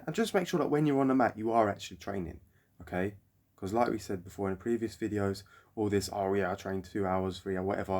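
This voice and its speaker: Man, blunt coaching rant, profane, very lively pitch. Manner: profane, ranting, keeps tagging "yeah?". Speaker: jiu-jitsu coach. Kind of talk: blunt motivational talk to camera.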